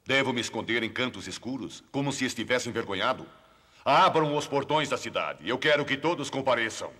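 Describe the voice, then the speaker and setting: A man's voice: medium pitch, lively intonation, fairly quick, bright, forceful tone. An actor playing a noble, resolute king with a Brazilian Portuguese accent, speaking in solemn, regal declamation for a dubbed film. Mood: indignant resolve. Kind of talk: dubbed film drama acting.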